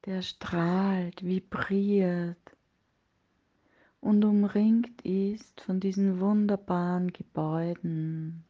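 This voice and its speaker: A woman leading a guided meditation in a soft, breathy, partly whispered voice, soothing and hushed, with long pauses between phrases. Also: fairly low pitch, fairly even intonation, muffled recording.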